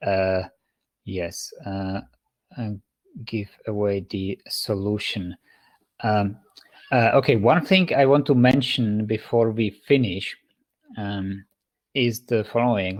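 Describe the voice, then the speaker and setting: A man's voice: lowish voice, steady tone, slow pace. A man with a Czech accent giving an online university lecture over a video call, stopping and restarting often with many fillers. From Czech Republic.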